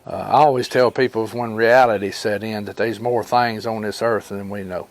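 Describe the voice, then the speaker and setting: A man's voice: on the low side, steady tone. Folksy Southern man telling fireside tales. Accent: Southern US, rural Alabama. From Alabama, United States. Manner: folksy, rambling, with pauses and reported dialogue. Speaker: storyteller and homesteading channel host. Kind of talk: fireside storytelling of personal experiences, informal and unscripted.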